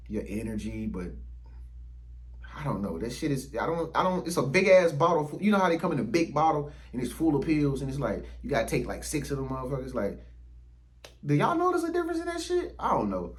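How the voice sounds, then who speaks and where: A man's voice: mid-range voice, big pitch swings, brisk, rough recording. A man in his thirties hosting his own channel, talking casually to the camera in a slangy, profane, rambling way full of fillers. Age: 30s. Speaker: YouTube channel host. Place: indoors under ring lights.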